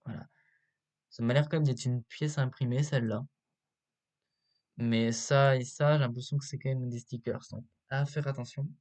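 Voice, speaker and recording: A man giving casual, unscripted video commentary as a host, halting often with filler sounds, recorded on a cheap built-in laptop microphone. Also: medium pitch, steady tone, darkish tone. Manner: hesitant, halting delivery with many filler pauses. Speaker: YouTube host reviewing toy sets.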